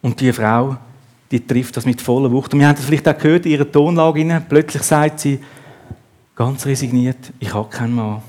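A man's voice: medium pitch, fairly even intonation, normal speed, darkish tone. A man preaching a sermon, acting out the quotes in the story with a raised voice.

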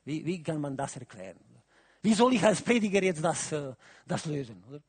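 A man preaching a sermon, asking his listeners questions and swinging from quiet musing to loud, emphatic calls. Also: on the high side, very animated, a little fast, breathy edge. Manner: asks the audience questions, adds "oder?" often.

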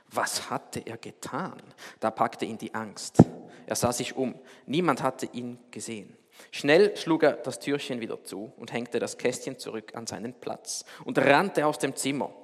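Male preacher reading a story aloud with expressive, dynamic storytelling and a mid-range voice; long hall reverb. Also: mid-range voice. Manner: expressive storytelling, rising loud on tense moments and dropping to a hush. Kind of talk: reading a story aloud, then sermon commentary.

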